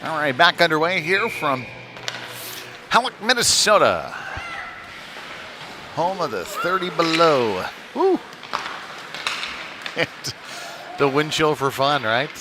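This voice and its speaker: A man calls live play-by-play of a youth hockey game at an indoor ice rink, running along in a loose, folksy style. His fairly high voice swings widely in pitch, and he takes it slowly with long pauses, heard over the din of a noisy live rink stream.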